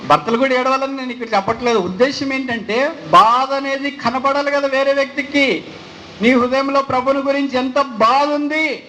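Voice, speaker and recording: A man preaching a sermon, driving points home with repeated rhetorical questions and slowing right down to stress key phrases. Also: very high voice, sharp tone, slight background noise, rough recording. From India. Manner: slows sharply to stress English phrases.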